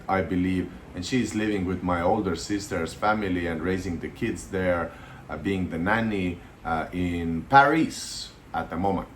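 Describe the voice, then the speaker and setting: An Estonian man in his thirties chats casually to the camera as a vlogger, his voice very low. He is relaxed but hesitant, pausing on many fillers, with a faint hum of noise behind him.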